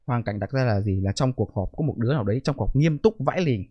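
Middle-aged male streamer, fast and animated, dry close mic. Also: mid-range voice, no echo, highs cut off. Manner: blunt, profane, defensive ranting. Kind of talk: live stream reaction commentary.

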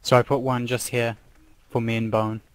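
New Zealander giving squad callouts. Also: male voice, mid-range voice, flat delivery, normal speed, a little hiss or hum. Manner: matter-of-fact tactical callouts. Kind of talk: casual squad chat while gaming.

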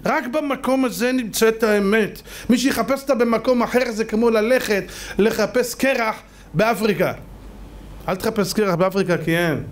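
A man preaching a fiery sermon as a rabbi, firing off rhetorical questions and often breaking into shouts. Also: high voice.

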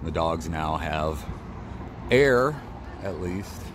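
A man's voice: low voice, lively intonation, drawn-out words. A man casually narrating what he sees as he films on a city sidewalk. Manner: laid-back, rambling commentary. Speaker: street videographer. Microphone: handheld phone camera. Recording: outdoor phone audio with street noise. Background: street traffic noise.

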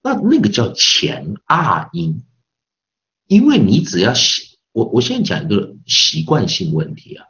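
A man's voice: fairly low pitch, wildly swooping pitch, measured pace, a bit bright, muffled recording. A man teaching English pronunciation in a recorded online lesson with a Taiwanese Mandarin accent, patiently repeating sounds over and over to demonstrate them.

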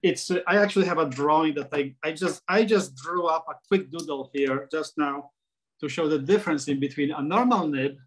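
In poor audio, a middle-aged Polish man speaks fairly quickly in a husky, fairly bright voice on the high side, with a Polish accent. He's an architect and sketcher interviewed as a guest over video call, full of restarts and fillers. His laptop webcam records him in a small room at home, framed pictures behind him.

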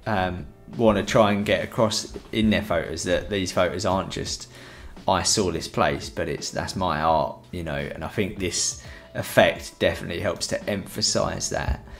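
Speaking at a normal speed with a low, creaky voice and few pauses, this young man chats his way through a casual photography live-stream from home. He uses a headset mic, fills his talk with fillers, and soft music plays behind him.

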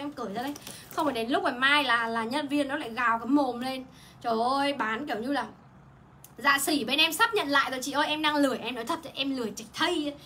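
A young woman doing a livestream sales pitch for clothes, chatty and exclaiming often. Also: bright, forceful tone, slight background noise. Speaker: online clothing seller. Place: indoor home shop.

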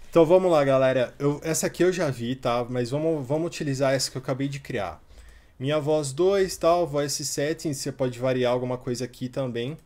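A man, hosting a casual software tutorial and talking while he clicks through a website, with frequent fillers. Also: medium pitch, fairly quick. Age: 30s. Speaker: tutorial host.

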